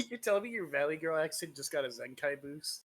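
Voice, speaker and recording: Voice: medium pitch, lively intonation, brisk, a little hiss or hum. A tabletop game player chatting and joking in a theatrical way. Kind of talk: casual tabletop role-play chat.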